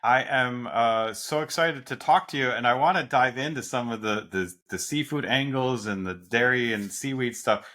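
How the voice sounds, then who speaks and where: A podcast host with a mid-range, pushed and bright voice starts with a scripted intro, then moves into a casual interview. He's enthusiastic and upbeat, asking his questions at a moderate pace with few pauses.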